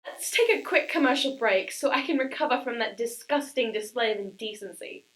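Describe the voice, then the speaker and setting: A woman's voice: on the high side, brisk, fairly bright tone, faint music behind, lightly acted, low-quality recording. A woman playing a prim, clever schoolgirl co-anchor who talks in a proper, slightly prissy way.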